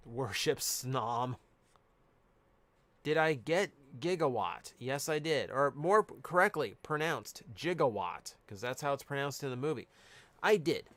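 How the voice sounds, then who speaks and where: A man's voice: on the high side, a bit bright. A man chatting casually on a live stream, reading out cards and answering chat. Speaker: streamer opening card packs.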